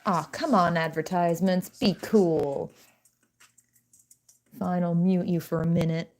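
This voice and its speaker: A young woman streaming while working on an animatic, chatting casually in a soft-spoken way, with frequent fillers and small laughs. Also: on the low side, steady tone, a little slow. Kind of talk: casual chat.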